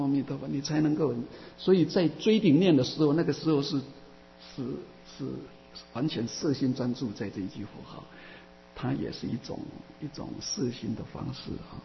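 A man teaching as a Buddhist teacher, answering questions in a Dharma talk and speaking haltingly with many restarts and drawn-out fillers. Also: a little high, expressive, gravelly. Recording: muffled, reverberant hall with faint hum.

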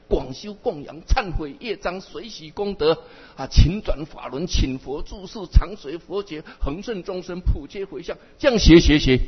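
A man teaching as a Buddhist teacher, telling a sermon story in an animated way and often checking with his listeners, heard in a dull, echoey hall recording. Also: on the high side. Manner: animated storyteller who often asks the audience "right?".

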